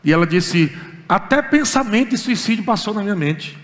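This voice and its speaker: A man with a Brazilian accent, preaching a sermon as pastor, talking with fervor and dramatic pauses. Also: sits high, expressive, fairly bright tone. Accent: Brazilian Portuguese. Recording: long hall reverb.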